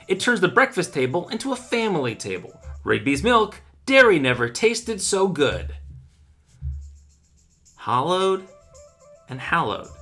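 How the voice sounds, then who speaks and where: Man acting as earnest radio poet-doctor, theatrical, florid, lovelorn, mock broadcast, forceful bright tone, faint music behind. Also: on the high side, full character voice. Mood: cheery sponsor pitch. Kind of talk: mock radio segment with sponsor reads and dramatic poetry.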